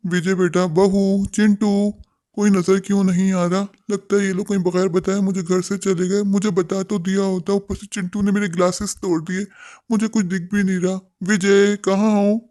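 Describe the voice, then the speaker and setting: A man's voice: high-pitched, little pitch movement, normal speed, mellow, natural voice. A man voicing an elderly, half-blind father in a cartoon, who keeps calling out plaintively for his son. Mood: pleading. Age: older. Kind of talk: animated cartoon voice acting.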